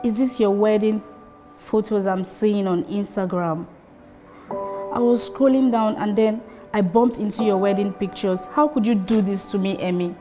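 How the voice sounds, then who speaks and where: A woman's voice: very high-pitched, normal speed, few pauses. A woman in her twenties performing a monologue as a jilted girlfriend pleading with the man who left her. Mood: hurt. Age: 20s. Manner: pleading questions, rising into tearful cries. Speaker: actor performing an audition monologue. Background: faint music.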